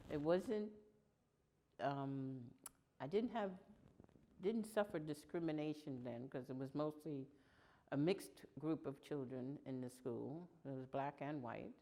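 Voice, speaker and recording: A woman in her sixties from Long Island, New York, giving plain, unhurried answers in an oral history interview that trail off quietly. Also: sits low. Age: 60s. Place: indoor room in downtown New York.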